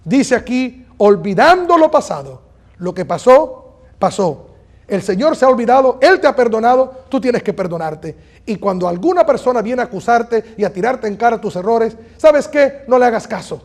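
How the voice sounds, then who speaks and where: A man preaching a sermon as pastor, earnest and emphatic, repeating lines and slowing down on key phrases. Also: very high voice, expressive, darkish tone.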